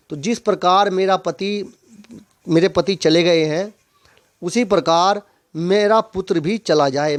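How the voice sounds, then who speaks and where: High-voiced man teaching a poem. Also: no room sound. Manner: recites verses then explains line by line; repeats phrases while explaining. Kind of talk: poetry lesson explanation.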